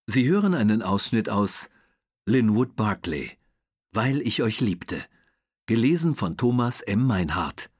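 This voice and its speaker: A man's voice: fairly low pitch, big pitch swings, measured pace, slightly rough. A man announcing an audiobook excerpt in a formal promotional intro. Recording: voice over music.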